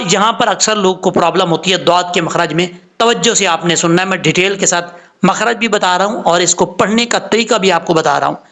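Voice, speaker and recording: A man teaching Quran recitation, explaining slowly and spelling out letters with drawn-out chanted examples. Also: sits high, a bit bright. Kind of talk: recitation lesson.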